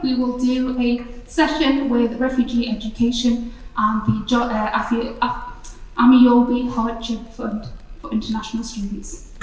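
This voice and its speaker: A woman with a Northeast English accent hosting a charity event, talking in a friendly, slightly halting way, her voice going hoarse. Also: a little high, slight background noise. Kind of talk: live event presentation. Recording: echoey hall from far off.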